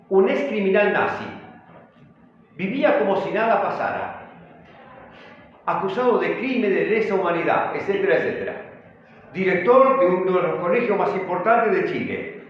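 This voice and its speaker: A man preaching a sermon as pastor, animated and full of rhetorical questions. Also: high-pitched, very echoey, lo-fi sound, slight background noise.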